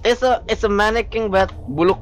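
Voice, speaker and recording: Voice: mid-range voice, fairly quick. A gaming companion with an Indonesian accent, chatting casually during play over a noisy mic with typing. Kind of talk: casual chat while gaming.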